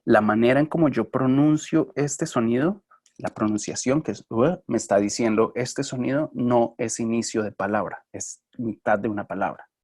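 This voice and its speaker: A man's voice: medium pitch, moderate pace, a little mellow. A man giving a phonetics lesson, hesitant, with many fillers and restarts, often checking in with his students. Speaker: phonetics teacher. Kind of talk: recorded lecture.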